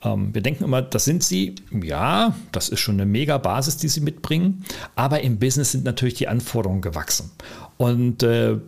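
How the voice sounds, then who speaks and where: A man co-hosting a podcast, talking casually in an animated, rambling way with many fillers and restarts. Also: mid-range voice, fairly quick, creaky. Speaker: podcast co-host, lecturer. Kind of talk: casual conversational podcast talk.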